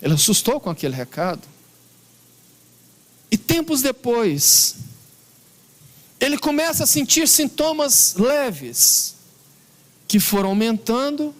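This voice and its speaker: A man with a Brazilian Portuguese accent giving a spiritist lecture, telling a story in an earnest, emphatic way and slowing down on key words. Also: extremely high pitch.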